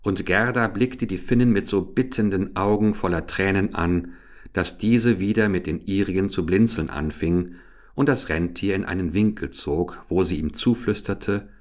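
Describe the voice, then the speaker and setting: A man narrating a fairy tale in a slow, deliberate storytelling manner. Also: sits low.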